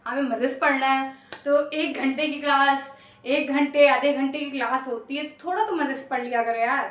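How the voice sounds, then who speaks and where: Young female tutor, high voice, friendly coaxing patter, recorded in an echoey room. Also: a bit bright. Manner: chatty, coaxing, repeats promises and guarantees. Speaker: maths teacher. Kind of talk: casual online lesson.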